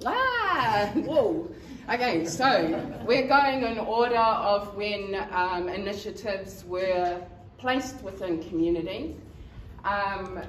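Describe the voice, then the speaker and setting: A New Zealand woman, a community member, presents to a conference audience in a medium-pitched voice, speaking slowly and haltingly with ums and nervous laughter. The distant mic picks her up in an echoey hall over faint background noise.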